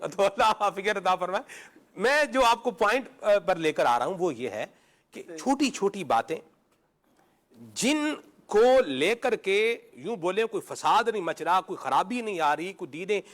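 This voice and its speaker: A man's voice: high-pitched, sing-song, a bit bright. A man. He explains through homely examples and answers his own rhetorical questions. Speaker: religious talk show panelist. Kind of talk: moral advice talk.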